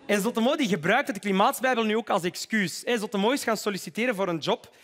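A man with a Flemish accent performing a stand-up comedy routine, animated and mocking. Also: sits high, quick pace. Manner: animated, mocking, acts out voices.

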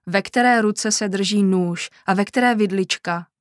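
A woman voicing a gentle, caring young mother in a storybook, soothing and mildly scolding. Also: mid-range voice, dry recording, clean studio sound, natural voice.

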